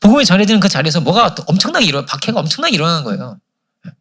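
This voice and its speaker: A man's voice: fairly high pitch, big pitch swings, rapid-fire, a bit bright, husky. A man preaching a sermon as pastor, asking the congregation questions and answering them himself. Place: church service.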